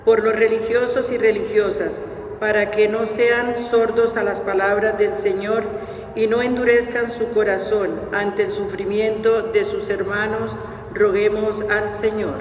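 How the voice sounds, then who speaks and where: A man reading the prayers of the faithful at Mass in a slow, measured recitation, with a cathedral echo around him. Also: high voice, flat delivery. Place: large church during Mass. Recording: echoey church hall from far off, faint noise.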